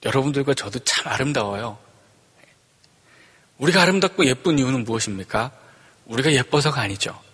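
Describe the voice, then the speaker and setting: A man pastor delivers a sermon in a slightly high, husky voice that rings with a bright edge. His delivery swings from loud proclamations down to hushed asides as he poses questions to the congregation. The sound carries the long reverb of a large church sanctuary. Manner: preaching with rhetorical questions and dramatic swings between loud and hushed.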